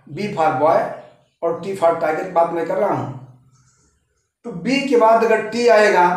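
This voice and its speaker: Echoey, high-voiced man teaching pronunciation. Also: far from the mic. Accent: Hindi. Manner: repeats points, addresses viewers as friends, spells letters slowly. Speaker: English teacher. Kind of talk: Hindi-language English pronunciation lesson. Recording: very echoey room, voice from off-mic.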